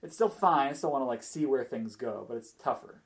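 In a casual podcast chat about video games, a male panelist explains things in a rambling, hesitant way full of filler words. His mid-range voice is expressive and a little fast.

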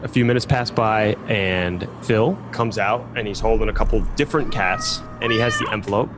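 A man's voice: on the low side, moderate pace, background noise. A man narrating a tabletop game as game master in an easygoing, descriptive way. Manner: easygoing, descriptive, with light laughs.

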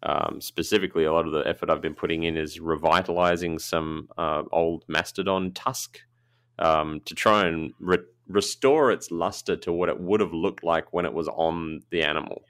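A man's voice: low-pitched, fairly even intonation, moderate pace, a bit bright, no room sound, clean studio sound. A man hosting a podcast, chatting casually with frequent laughs and filler words. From Australia. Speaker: podcast host, knifemaker.

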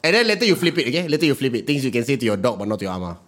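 A man with a Malaysian or Singaporean accent bantering casually in Singlish-style English, excitable and repeating words in bursts. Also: medium pitch, rapid-fire.

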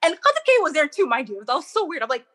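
A young woman chatting as an interview guest, telling animated stories and acting out what people said. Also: sits high, quick pace. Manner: animated storyteller, acts out quotes. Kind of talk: casual interview chat.

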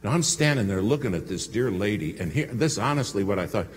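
Low-voiced preacher with a drawl. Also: male voice, expressive, a little fast. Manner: storytelling with congregation asides. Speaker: pastor. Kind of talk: sermon. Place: church sanctuary. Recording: long hall reverb with faint hum.

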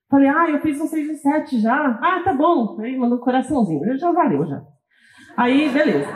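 Lively São woman guest who acts out her own quotes, high-voiced, in a roomy studio. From Brazil, São Paulo. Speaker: guest, course creator. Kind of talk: podcast interview storytelling.

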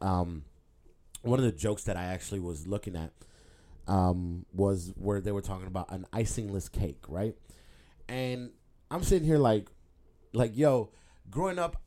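A man's voice: on the low side, warm tone. A man who is a comedian, talking loosely on his podcast with lots of fillers and swearing. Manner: rambling, loose, heavy filler and profanity. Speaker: stand-up comedian and podcast host. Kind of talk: casual podcast monologue.

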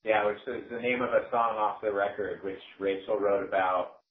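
Man over the phone, low voice, rambling with fillers, tinny echoey line. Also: steady tone, moderate pace, slight background noise. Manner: rambling, hesitant, many fillers. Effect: heard over the phone. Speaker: band bassist and singer, interview guest. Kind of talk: casual phone interview.

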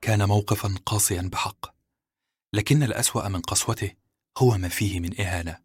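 Deep-voiced man narrating a novel. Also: fast, slightly rough, no room sound, studio quality. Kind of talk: scripted first-person audiobook narration.

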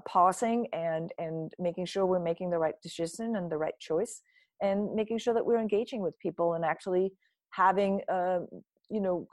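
A Danish woman with a lowish, slightly mellow voice and no room sound answers as an interview guest; she's a nutrition author and speaker. Earnest and reflective, she often restarts sentences and checks in with "right?"

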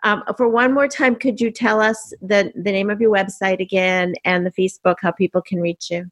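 Woman, interview host, mid pitch, chatty, encouraging. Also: steady tone, moderate pace, no echo. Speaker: podcast host. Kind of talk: casual interview chat.

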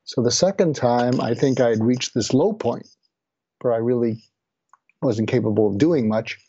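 A man's voice: medium pitch, moderate pace, dark tone, slightly rough, no echo, muffled recording. An older man from the area tells his own story earnestly and reflectively as an interview guest. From Boston area, USA. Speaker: guest, physician.

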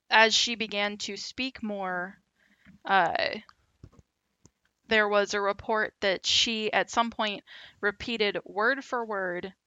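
A woman hosting a podcast, telling a story in a relaxed, casual way with lots of fillers. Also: medium pitch, no echo. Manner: relaxed, with many fillers and asides.

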